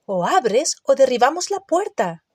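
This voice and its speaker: A woman voicing a determined teenage boy wizard who speaks softly, then firmly. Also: medium pitch, lively intonation, normal speed, no room sound, clean studio sound, lightly acted. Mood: demanding. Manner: soft and quiet, then firm. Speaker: audiobook character.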